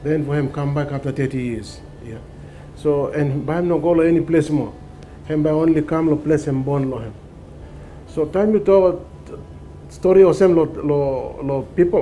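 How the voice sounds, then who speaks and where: A man's voice: fairly high pitch, warm tone, slight background noise. A middle-aged man with a Solomon Islands accent explaining in an interview in Solomon Islands Pidgin. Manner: speaks in Solomon Islands Pijin. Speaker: conservation organisation director. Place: indoor room in front of patterned curtain.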